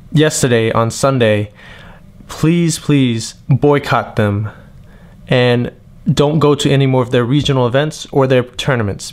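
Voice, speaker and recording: A young man from New England gives a frustrated monologue, complaining at length and then reading out a list of cards in a flat voice. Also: mid-range voice. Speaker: card game vlogger. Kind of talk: monologue rant and tournament report.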